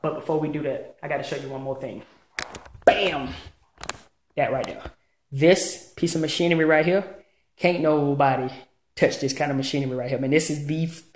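A man's voice: a little high, a little hiss or hum. Hyped man in an echoey garage. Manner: hyped, boastful, slangy. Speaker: fitness vlogger. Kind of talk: casual home-gym tour vlog. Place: bare home garage. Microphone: handheld phone camera.

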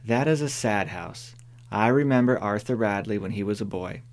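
A man reading a sharp-tongued older woman neighbor. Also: fairly low pitch, moderate pace, close to an everyday voice. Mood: dry. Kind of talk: audiobook character voice.

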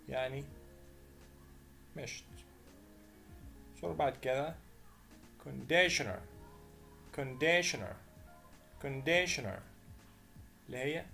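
An Egyptian-accented man teaching English vocabulary, pitched a little high with a gravelly edge. He speaks in an unhurried way, repeating each word deliberately before glossing it, with faint music underneath. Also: fairly bright tone. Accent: Egyptian Arabic. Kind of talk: vocabulary lesson voice-over.

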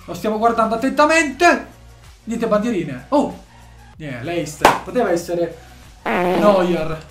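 A man commentating as he opens game packs, swinging from shouted excitement to low muttering. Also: reverberant. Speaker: gaming YouTuber opening packs.

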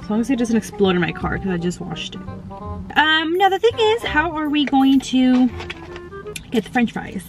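A woman's voice: high-pitched, big pitch swings, moderate pace, over music. A young woman in her twenties chatting casually in a vlog, giggly and full of "like", filmed on a handheld phone. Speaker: beauty vlogger. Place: in a car and out on errands.

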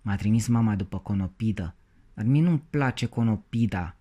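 A man's voice: lowish voice, mellow, breathy edge, lo-fi sound. A man voicing a grumpy, picky farmer's boy who grumbles and sulks. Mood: grumbling. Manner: grumbling, sulky.

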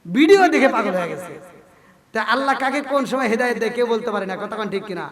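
A man's voice: very high voice, animated, racing. A male Islamic preacher, giving a jocular waz sermon and keeping the crowd answering back. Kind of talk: Bengali waz sermon at a religious gathering.

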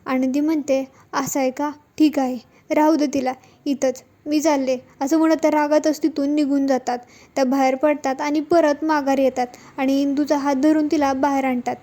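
A woman's voice: sits high, little pitch movement, normal speed, mellow. A woman narrating a recap of a television serial episode, retelling each scene and reading the characters' lines herself.

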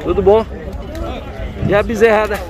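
A man asking sellers quick, friendly questions about their cattle at an outdoor market. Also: sits high, level tone. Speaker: vlogger touring a cattle fair. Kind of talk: casual interviewing of sellers. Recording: loud market crowd behind. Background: cattle and crowd noise.

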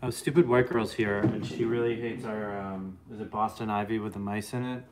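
A man's voice: on the low side, steady tone, brisk, noisy background. Rambling man in his late thirties. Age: late 30s. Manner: rambling, joking, reading comments aloud. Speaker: live stream co-host. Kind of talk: casual live-stream chat. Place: bright living room at home. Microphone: phone camera close up.

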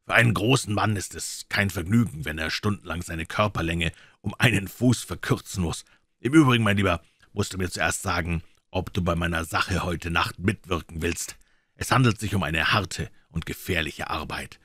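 A man reading an audiobook and voicing a calm, sharp-witted male detective. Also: sits low, normal speed, breathy edge, no echo, clean studio sound. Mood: composed.

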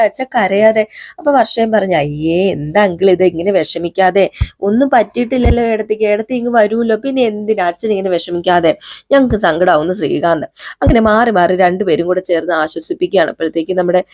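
A woman's voice: medium pitch, a little mellow, no room sound, studio quality. A woman casually recapping a TV serial episode, chatty and quoting the characters in her own voice. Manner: chatty, quotes characters in her own voice, frequent "ട്ടോ" fillers.

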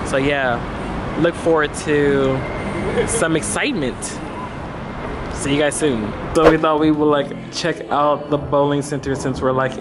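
A young man chatting casually to a handheld camera, rambling and laughing often as he talks. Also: fairly high pitch. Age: young adult. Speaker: travel vlogger. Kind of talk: casual vlog chat to camera. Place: outdoors on a busy city street. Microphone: handheld camera held close. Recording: street traffic noise behind. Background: city traffic and passing vehicles.

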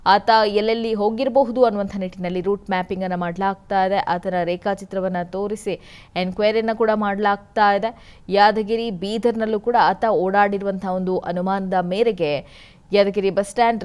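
A young adult woman, a news anchor, reading scripted news with a steady, urgent cadence in a TV studio. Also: medium pitch, moderate pace, clean tone. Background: news music bed.

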